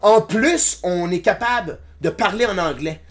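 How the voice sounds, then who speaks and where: A man's voice: high-pitched, unhurried. A young man with a Québécois accent, a streamer reacting in casual chat, mixing English slang and swearing into his talk. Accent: Québécois French.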